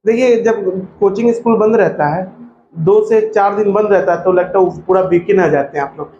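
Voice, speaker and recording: A male coaching teacher, talking to a class in a joking, lively way and mimicking students. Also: high-pitched, normal speed, highs cut off. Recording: echoey classroom with faint noise.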